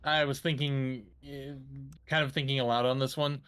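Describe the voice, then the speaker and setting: A man's voice: medium pitch, level tone, moderate pace, a bit bright, smooth, no room sound. A man playing in a tabletop game, talking casually and hesitantly as he thinks aloud. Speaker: player. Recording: faint music behind.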